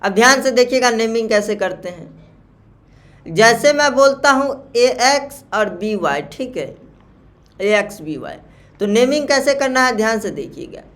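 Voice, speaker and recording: Male chemistry teacher, slow and repetitive. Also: very high-pitched, expressive, a bit bright. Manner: repeats key terms slowly, checks understanding with questions. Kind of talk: classroom lecture on naming salts.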